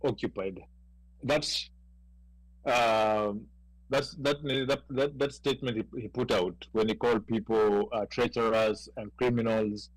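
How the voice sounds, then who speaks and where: A man's voice: on the low side, steady tone, unhurried, no echo, low-quality recording. A man with a Kenyan accent in a casual panel discussion, talking emphatically and repeating words as he presses a point.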